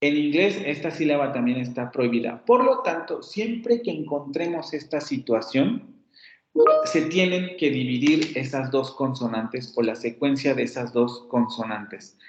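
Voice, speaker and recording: A man's voice: medium pitch, slight background noise. Male phonetics lecturer, Mexican accent, patient and repetitive, mid-range voice; lo-fi recording in a reverberant room. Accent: Mexican Spanish. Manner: explanatory, repeats example words slowly, self-correcting. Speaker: university phonetics teacher. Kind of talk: classroom lecture. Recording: roomy, dull lo-fi classroom recording.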